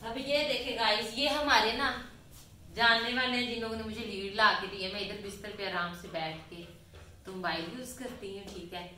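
Filming a home vlog on her phone, this Pakistani woman rambles to her viewers without pausing, dropping "theek hai" over and over as she goes in and out of doors. She speaks at a moderate pace in a bright, forceful, medium-pitched voice with fairly even intonation. The echoey room carries faint ambience and slight background noise.

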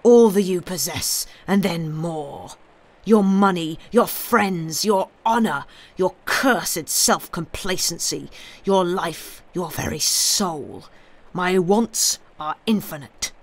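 A man's voice: fairly high pitch, fairly even intonation, moderate pace, few pauses, lightly acted. A reader voicing a vengeful man back after twenty years, menacing and gloating, in a storybook reading. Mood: contemptuous.

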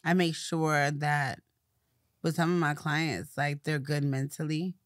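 A woman's voice: deep voice, slow pace, no echo, studio quality. Woman with a light lisp, casual. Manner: relaxed, conversational, fillers like "you know". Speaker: guest, publicist. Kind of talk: casual interview conversation.

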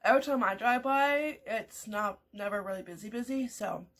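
A vlogger from Canada, a woman in her thirties, chats to her webcam over morning coffee in a small home room. Her mid-range voice is a bit bright and moves at normal speed, and her casual rambling is filled with fillers and restarts.

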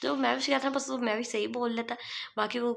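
A woman's voice: on the high side, steady tone, a little fast, creaky, fairly bright tone, a little hiss or hum. Mocking young woman vlogger. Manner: mocking, scornful, chatty. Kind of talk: gossipy commentary to camera. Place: small room indoors. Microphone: phone camera at arm's length.

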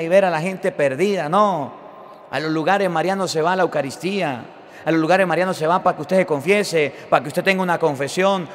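A man preaching a sermon as a priest, emphatic, moving between loud declarations and quiet endings. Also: high voice. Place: church. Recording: long church reverb.

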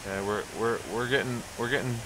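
A man's voice: medium pitch, brisk, noisy background. A man giving casual gameplay commentary, talking to himself and exclaiming as he plays. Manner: excitable, exclaiming, talks to himself. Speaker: video game player commentator.

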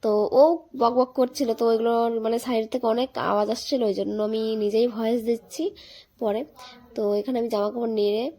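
A young woman narrates her home vlog in a chatty, rambling way, full of little fillers. Her voice is hoarse and cracks, sitting a touch high but with a soft, dark tone. It is a casual voice-over she recorded afterward. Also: steady tone, fast. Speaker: vlogger.

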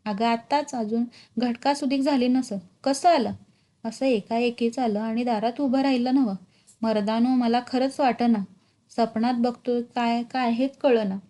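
A woman reading the part of a village headman and father, stunned and overwhelmed that his lost boy has come home. He talks in a plain rustic village way, in a mellow, fairly high voice, as in a storybook read aloud. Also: fairly even intonation, a little slow, close to an everyday voice.

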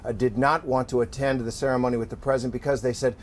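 A middle-aged man reporting live outdoors at night as a news correspondent, in an earnest, measured way. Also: mid-range voice, steady tone, slight background noise.

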